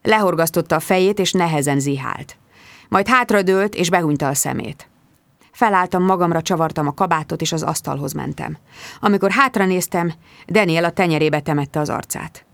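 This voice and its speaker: A woman reading a first-person novel aloud in an expressive, intimate storytelling manner. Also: fairly low pitch, gravelly, no echo. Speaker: audiobook narrator. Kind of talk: first-person audiobook narration.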